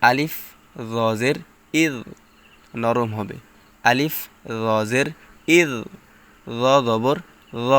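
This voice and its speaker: A man leads a recitation drill at a very unhurried pace. His voice is smooth and resonant. He names each letter and mark, then sings the joined syllables back. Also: mid-range voice, fairly bright tone. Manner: spells out letters and vowel marks, then chants the joined syllables. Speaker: Quran reading teacher.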